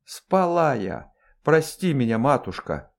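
A man voicing a fawning female dwarf servant who wails and pleads in a high voice. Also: wildly swooping pitch, unhurried, mellow, full character voice. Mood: wailing. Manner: high wailing lament.

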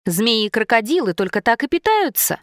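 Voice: mid-range voice, very animated, a little fast, fairly bright tone, dry recording, clean studio sound, voice pushed up. A storybook reader voicing a curious, friendly young girl who works in a pet shop. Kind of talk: storybook reading.

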